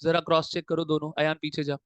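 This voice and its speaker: A man teaching a class of commerce students, with a fairly high voice and a dry, close sound. He drills them with rapid question-and-answer exchanges and addresses them in a fatherly, familiar way. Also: monotone, a bit bright, clear, resonant tone, no room sound, poor audio. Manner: fatherly, calls students "beta". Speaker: commerce tutor. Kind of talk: classroom lecture mixing Hindi and English. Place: coaching classroom.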